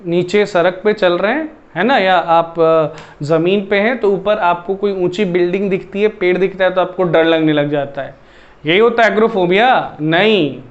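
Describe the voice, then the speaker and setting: A man with an Indian accent teaching English vocabulary, repeating himself often and calling his listeners "everyone". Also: high voice. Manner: repetitive, addresses listeners as "everyone", mixes Hindi and English. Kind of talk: classroom-style lesson explaining word roots. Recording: slightly dull, lo-fi audio.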